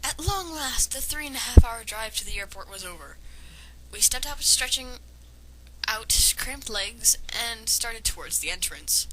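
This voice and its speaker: Expressive and unhurried, with a fairly high pitch and a fairly bright tone, this amateur fan fiction reader performs a story dramatically. She cuts in with casual sarcasm and nitpicks, hesitant in her asides, on a clearly noisy home recording.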